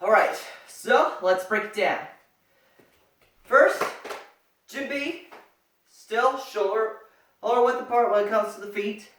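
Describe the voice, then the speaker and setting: A karate instructor teaching step by step, with sharp martial arts commands. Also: medium pitch, measured pace. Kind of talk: step-by-step karate demonstration lesson. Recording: echoey room, far from the mic.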